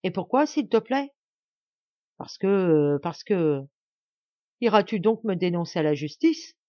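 A woman's voice: fairly low pitch, big pitch swings, a little slow, dark tone, dry recording, highs cut off. A woman reading a novel aloud, voicing a proud and cunning young noblewoman who speaks coldly and with control. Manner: cold and controlled, then coaxing.

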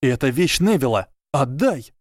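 A man voicing an eager, loyal schoolboy who shouts earnestly. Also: medium pitch, big pitch swings, brisk, no echo, clean studio sound, lightly acted. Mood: shouting.

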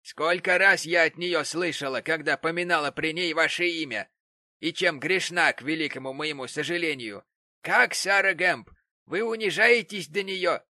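Мужчина-чтец озвучивает негодующую старую сиделку, напыщенную и сварливую, голос визгливый и бранчливый. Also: male voice, normal speed, bright, forceful tone, dry recording. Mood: indignant. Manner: shrill, scolding. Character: indignant old woman nurse, pompous and quarrelsome.

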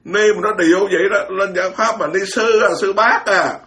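A man's voice: high voice, normal speed, sharp tone. A man, a Buddhist monk giving an informal dharma talk, blunt and scolding, mocking others and stammering through repeated words.

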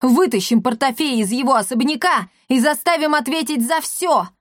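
A woman's voice: high voice, normal speed, no room sound, studio quality, voice pushed up, natural voice. A woman reading an audiobook voices a fierce townswoman rousing the crowd. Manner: shouting.

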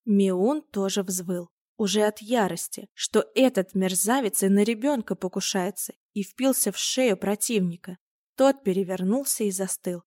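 A woman narrating a storybook with a steady, expressive reading. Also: medium pitch, moderate pace, no room sound, studio quality. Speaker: audiobook narrator.

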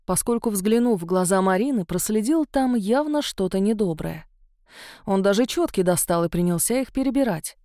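A woman narrating a storybook with expressive storytelling. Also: medium pitch, normal speed, no echo, studio quality. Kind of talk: audiobook narration.

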